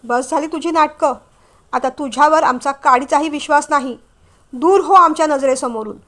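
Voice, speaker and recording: A hurt middle-aged mother scolds her son in a reproachful tone, as a woman puts her on in a storybook reading. The voice is high. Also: normal speed, pushed and bright. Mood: angry scolding.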